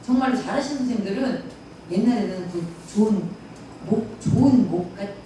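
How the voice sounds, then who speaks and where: Speaking fairly quickly in a high-sided, dark-toned voice with lively intonation, a female pansori lecturer chats folksily and imitates dialect phrases. Her casual lecture, with audience questions, takes place in a cultural center lecture room, recorded from far off in an echoey hall with faint noise.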